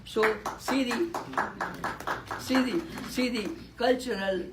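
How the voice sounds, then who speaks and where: The recording is very noisy, and the speaker's voice is very high-pitched and slow. He's an 80-something man from Nepal giving a reflective speech on a conference room panel into a handheld or podium microphone, repeating key words for emphasis.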